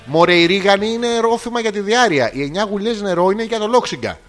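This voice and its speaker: A man with a high, bouncing voice trades crude jokes and teasing with his co-host. His talk is loose, playful and full of swings in pitch, with faint music under it. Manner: joking, teasing, swearing, lively. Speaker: podcast co-host. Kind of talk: casual comedic banter.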